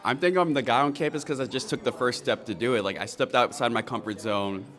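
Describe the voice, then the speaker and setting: A man's voice: mid-range voice, quick pace, fairly bright tone. A young adult man, a student content creator, answering casually in an interview.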